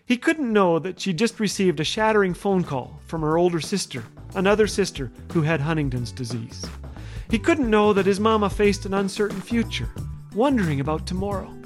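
A man from Canada hosting a radio show, telling humorous stories in a gentle, wry way. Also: high-pitched, animated, normal speed. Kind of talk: humorous scripted storytelling. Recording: faint music underneath.

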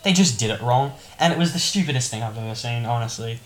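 A man's voice: mid-range voice, expressive, fast, slight background noise. A man, co-hosting a casual film review podcast, blunt and opinionated, with some swearing. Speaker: podcast co-host. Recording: echoey room.

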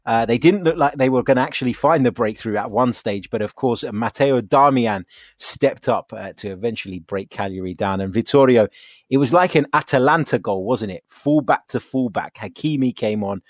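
Man, podcast host, football chat, animated, dry close mic. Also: medium pitch, normal speed, dry recording. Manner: animated, conversational, asking questions.

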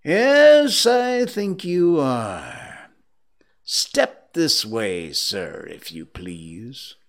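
A man voicing an elderly reformed miser in a storybook, a mischievous and big-hearted figure with a theatrical, drawn-out, emphatic delivery. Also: medium pitch, wildly swooping pitch, exaggerated voice. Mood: mock gruff. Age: older. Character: elderly miser turned jubilant, booming and mischievous, warm-hearted.

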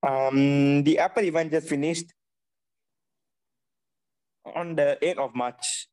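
A man's voice: on the high side, fairly even intonation, slow pace, a little mellow. A young man, co-hosting a casual podcast chat, laughing often and mixing in Malay words. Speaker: podcast co-host.

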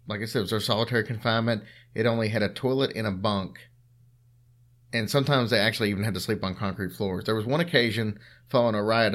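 A man co-hosting a show, telling stories in a casual, chatty way with a dry, teasing manner. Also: lowish voice. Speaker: podcast co-host telling ghost stories. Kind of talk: casual storytelling chat.

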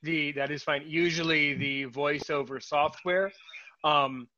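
A male podcast host with a bright, forceful, fairly high voice, who halts and repeats himself, filling pauses with ums. The sound is dull and lo-fi. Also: fairly even intonation. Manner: halting, repeats words, many fillers. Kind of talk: casual podcast talk.

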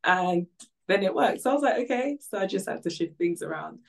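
A woman's voice: mid-range voice, lively intonation, fairly quick, creaky. A woman from Ghana, a guest on a podcast, chatting casually and upbeat with many fillers. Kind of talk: casual interview chat. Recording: distant from the mic.

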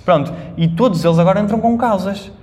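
A man's voice: high voice, fast, darkish tone. A man with a European Portuguese accent chatting casually, emphatically repeating himself. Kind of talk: casual conversation. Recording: reverberant room with faint noise.

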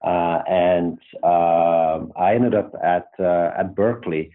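A man with a Belgian accent speaks as an interview guest, talking in a thoughtful way with frequent fillers and restarts. His voice sits fairly low. The sound is thin and narrow, like a phone call. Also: steady tone, takes it slowly. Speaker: guest, company founder. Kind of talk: casual interview talk. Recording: tinny phone-like line.

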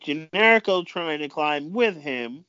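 High-voiced man doing halting play-by-play. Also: animated, sharp tone, clean tone, dry recording, dull audio. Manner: halting, often repeating himself. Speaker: wrestling match commentator. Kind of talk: improvised amateur play-by-play commentary.

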